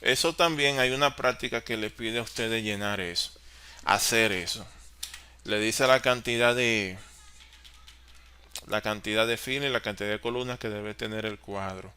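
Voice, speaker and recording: A man teaching an online class on office software, explaining step by step and answering his own questions. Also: fairly low pitch, moderate pace, clean tone. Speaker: course facilitator.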